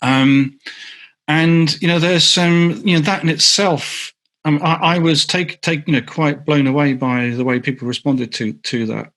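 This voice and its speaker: A man's voice: on the high side, unhurried, fairly bright tone. A man with a North London accent, a guest author answering questions on a video call, talking in a rambling way full of restarts and ums. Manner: rambling, self-correcting, lots of ums. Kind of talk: online meetup Q&A answer.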